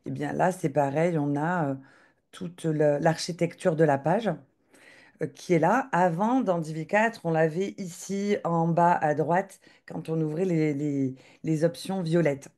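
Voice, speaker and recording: A woman giving a live software demo on a video call, talking hesitantly with lots of filler sounds and restarts. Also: sits low, measured pace.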